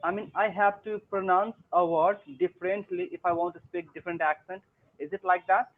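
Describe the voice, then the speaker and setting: A young man still learning English speaks hesitantly on an online tutoring call, his high-pitched voice steady in tone and brisk, with plenty of fillers. The video-call audio sounds tinny, like a phone line.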